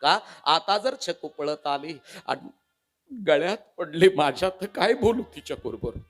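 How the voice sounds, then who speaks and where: A man's voice: on the high side, expressive, measured pace. A man preaching a humorous devotional sermon, dramatic and emotional and speaking straight to his audience. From Maharashtra. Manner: dramatic, emotional, swings between loud and hushed; addresses the audience directly. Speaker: kirtan preacher.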